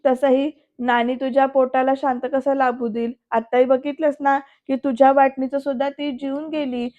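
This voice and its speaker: A woman voicing a sharp-tongued young woman who teases and fusses, in a dull, lo-fi recording. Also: high voice, little pitch movement, normal speed, lightly acted. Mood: caring.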